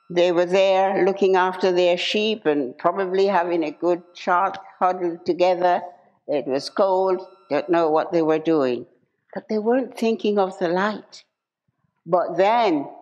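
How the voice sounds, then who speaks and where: A woman preacher delivers her sermon in a slow, unhurried cadence and a somewhat low voice. She leans on repetition and asks her listeners direct questions. The live church recording sounds dull and lo-fi. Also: a little mellow. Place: church service.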